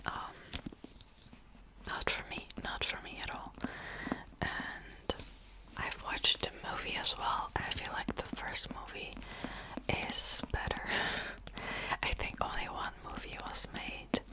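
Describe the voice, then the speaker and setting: This woman is an ASMR creator from the Czech Republic with Czech as her first language. She finishes her reading in a soft, slow, unvoiced whisper, wandering a little and laughing quietly, on a rough recording.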